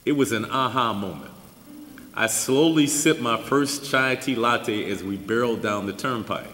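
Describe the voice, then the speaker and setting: Older male keynote speaker reading his essay, even and wry, in a reverberant church hall. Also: mid-range voice. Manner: measured reading with dry asides and chuckles. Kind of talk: reading a personal essay aloud. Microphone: stand mic at a lectern. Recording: roomy hall with long reverb.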